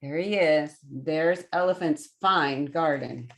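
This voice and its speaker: In a deep voice and at a slow pace, a woman reads stories to young children on a video call. She keeps her phrases simple and encouraging, performing them as lively read-aloud storytelling.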